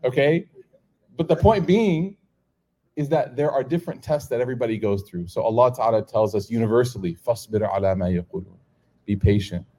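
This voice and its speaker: A middle-aged American man speaks rapid-fire in a mid-range voice, giving an informal sermon to a live audience. He animatedly tells stories, performs the dialogue, and laughs frequently.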